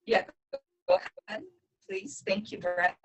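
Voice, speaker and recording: A woman art teacher presenting to colleagues over a video call, speaking haltingly with many fillers while her audio keeps cutting out. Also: medium pitch, huge pitch swings. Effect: choppy video-call audio, voice cutting out. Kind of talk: online presentation.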